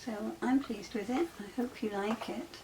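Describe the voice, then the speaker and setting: Over background noise, a woman with a fairly high pitch speaks at a moderate pace while leading a relaxed crafting tutorial. She's chatty yet soft-spoken, full of ums, and frequently sinks to almost a whisper while working.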